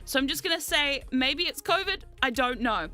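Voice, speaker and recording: A New Zealand woman, a VTuber streamer and host, chats casually with her livestream viewers while jet-lagged and with a slightly sore throat. Her high voice moves at normal speed as she rambles in an excitable, giggly, playfully dramatic, sweary way over soft background music.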